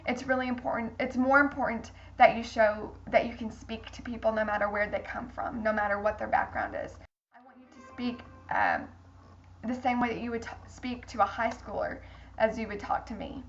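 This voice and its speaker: A woman's voice: on the high side, expressive, normal speed, a little hiss or hum. A woman teaching a public speaking class in an earnest, repetitive lecture style with frequent ums. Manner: earnest, repeats key points, frequent ums. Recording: dull lo-fi recording.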